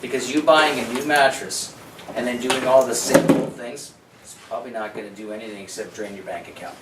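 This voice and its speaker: A man's voice: mid-range voice, fairly even intonation, a little fast. A man presenting an informal health seminar in a conversational, opinionated way, with rhetorical questions and quoted asides. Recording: echoey room, distant mic, background noise.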